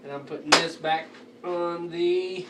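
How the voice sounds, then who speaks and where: A man's voice: fairly high pitch, steady tone, unhurried. A young man giving a casual review as he chats, talking with a lip full of dip. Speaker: amateur product reviewer. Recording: noisy, distant home video microphone.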